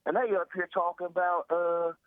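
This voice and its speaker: A man's voice: high voice, little pitch movement, normal speed, no echo. A man calling in over a phone line to a talk show, chatting casually and rambling, often repeating stock phrases. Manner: rambling, repeats "long story short" and "you see what I'm saying". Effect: heard over the phone. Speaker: caller. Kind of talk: casual call-in chat.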